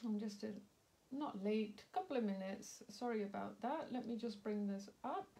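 Her voice is medium-pitched, warm and slightly rough, and her throat is a little sore. She's hosting a casual live craft demo at an indoor craft table, chatting slowly, filling pauses with ums and greeting viewers by name.

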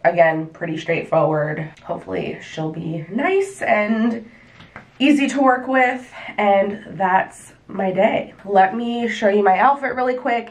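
A young woman hairstylist chatting casually to camera in a small bedroom at home, filling her talk with "like" and gesturing as she goes. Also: on the low side. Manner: chatty, frequent "like" fillers, animated hand gestures. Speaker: hairstylist vlogger. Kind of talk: casual vlog chat to camera.

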